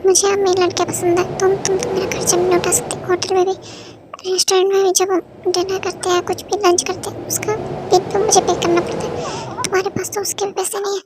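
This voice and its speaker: A woman's voice: very high voice, flat delivery, brisk, background noise. A woman doing a cold scornful young woman. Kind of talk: fan dub drama.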